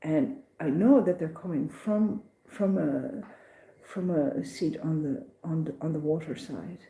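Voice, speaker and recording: A woman recounting her pilgrimage day in a casual, animated vlog, with many restarts and acted-out voices. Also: low-pitched, unhurried, echoey room, poor audio. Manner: animated, acts out others' voices, restarts often. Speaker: pilgrim vlogger.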